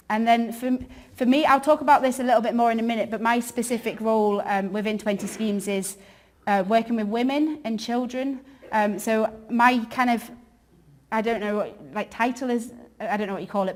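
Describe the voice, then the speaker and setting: A woman women's worker presenting informally, explaining things in a hesitant, conversational way. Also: fairly high pitch.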